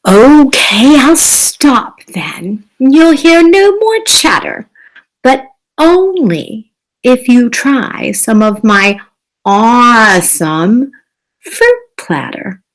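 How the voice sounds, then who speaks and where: A woman's voice: a little high, sing-song, very slow, full character voice. A woman reading aloud and voicing a cheerful piranha who keeps offering fruit to his friends. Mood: coaxing. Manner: upbeat, coaxing.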